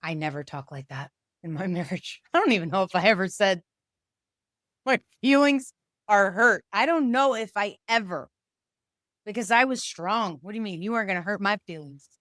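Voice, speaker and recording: A woman's voice: mid-range voice, fairly quick, no echo, studio quality. A woman in her forties, a podcast host, talking candidly about relationships and acting out little quoted inner voices. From Puerto Rico. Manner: animated and candid, acts out quoted inner voices, some laughs. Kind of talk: reflective solo talk to camera.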